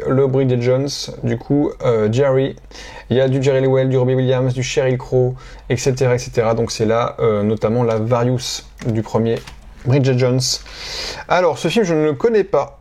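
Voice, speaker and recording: A man with a warm, mellow voice chats casually about items from his collection. He talks off the cuff, often pausing to search for words and restarting sentences. His pitch sits in an ordinary middle range. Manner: hesitant, many filler sounds and restarts. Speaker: collector presenting his purchases. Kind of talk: casual unscripted show-and-tell.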